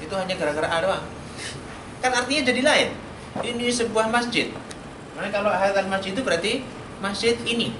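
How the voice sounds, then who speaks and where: A man's voice: high voice, brisk, long pauses. A man teaching Arabic in a mosque, quizzing his students in a call-and-response lesson. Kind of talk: classroom lesson. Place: mosque study room. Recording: roomy hall, noisy room recording.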